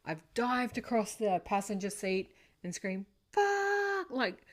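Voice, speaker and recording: A woman hosting a spiritual podcast, telling stories in an animated, dramatic way. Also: mid-range voice, measured pace. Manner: animated storytelling, dramatic retelling. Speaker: podcast host. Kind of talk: casual interview chat.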